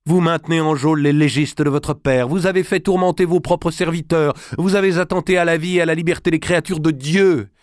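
A man's voice: steady tone, fairly quick, hardly any pauses, no echo, studio quality, lightly acted. A man playing a devout, resolute young queen, speaking firmly and accusingly in a storybook reading. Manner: firm and accusing, raised high.

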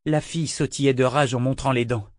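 A man narrating a fantasy audiobook in a measured, even storytelling manner. His voice sits at a middle pitch. The recording is dry and close to the mic. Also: dry recording.

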